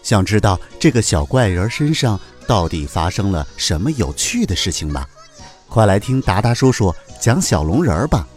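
A man narrating a children's story in an animated, storytelling manner into a close studio mic. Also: fairly low pitch, faint music behind. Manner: animated, warm storytelling, many drawn-out particles.

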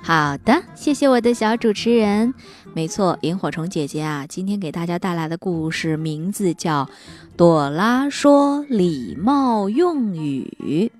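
A woman storyteller reading a picture book aloud for children in an animated, sing-song manner. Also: fairly low pitch, a little slow, faint music behind.

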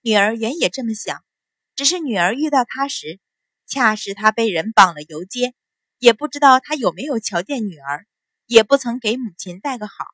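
Woman voicing a cool, sharp-witted young noblewoman. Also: a little high, expressive, normal speed, no room sound. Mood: composed. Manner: composed, coolly sarcastic.

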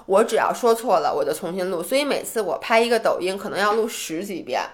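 Fast, lively woman chatting on a podcast. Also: mid-range voice. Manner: animated, self-deprecating, repeats herself. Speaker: podcast co-host. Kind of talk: casual chat.

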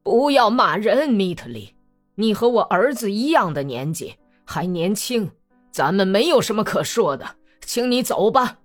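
A woman voicing a stern, dignified old man who speaks firmly and deliberately. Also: mid-range voice, sing-song, soft background music, voice pushed up. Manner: firm, measured, stern.

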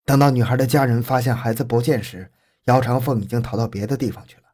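A man tells a true-crime story as a scripted narration, measured and grave. His voice sits at an ordinary middle pitch with a husky, slightly rough edge. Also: steady tone, warm tone.

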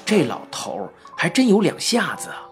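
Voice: mid-range voice, huge pitch swings, moderate pace, faint music behind. A reader voicing a kindly, earnest schoolteacher in a children's story.

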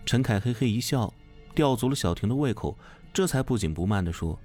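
A male storyteller reads a horror tale in an expressive, suspenseful way. His pitch moves around freely, and faint music plays underneath. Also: a little fast. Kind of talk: scripted horror story narration.

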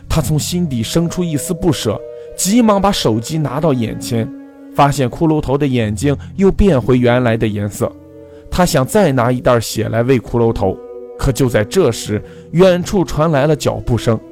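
A man's voice: medium pitch, a little mellow. Man narrating a ghost story expressively. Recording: faint background music.

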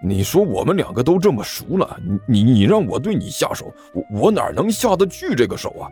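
A man voicing a bruised, grumpy older brother who scolds and stammers, with soft music behind. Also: mid-range voice, very animated, a little fast, pitched above the performer's own voice, close to an everyday voice. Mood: reluctant. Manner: scolding, exasperated, stammering when flustered.

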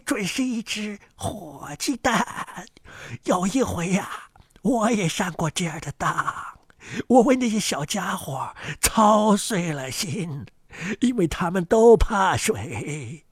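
Woman putting on an old gossiping duck, slow, hushed, low voice, storybook. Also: animated, breathy edge, dry recording, clean studio sound. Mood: knowing, hushed. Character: old know-it-all female duck neighbor.

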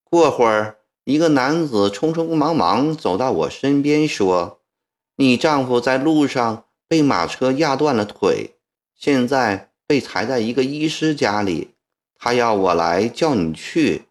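A frail, soft-spoken young woman, as a male storyteller reads her, telling her story slowly with a lively, rising and falling tone. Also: medium pitch, close to an everyday voice. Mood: sorrowful.

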